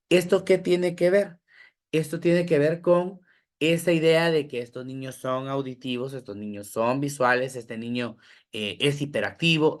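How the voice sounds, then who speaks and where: A man giving an online training lecture to teachers. He explains step by step, lists examples and keeps checking in with "¿verdad?". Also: fairly high pitch. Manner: addresses listeners directly, asks how they are following. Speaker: teacher trainer in educational psychology.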